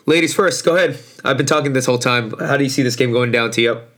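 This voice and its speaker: A man hosting a casual sports podcast in slangy, informal talk, his voice hoarse and worn out as if from yelling. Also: mid-range voice, fast. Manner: informal, slangy, mildly profane. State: hoarse, voice shot from overuse. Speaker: podcast host.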